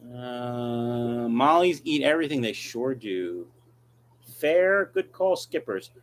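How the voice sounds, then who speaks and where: Man with lively, swinging pitch, blunt and offhand. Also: slow, slight background noise. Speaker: livestream host, aquarium fish breeder. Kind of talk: casual livestream chat, reading and answering viewer questions.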